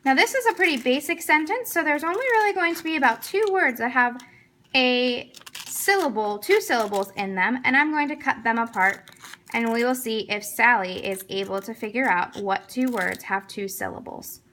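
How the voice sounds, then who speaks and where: Teacher demo: woman, high and bright, explains step by step, coaches a student. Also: lively intonation, normal speed, slight background noise. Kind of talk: instructional demonstration.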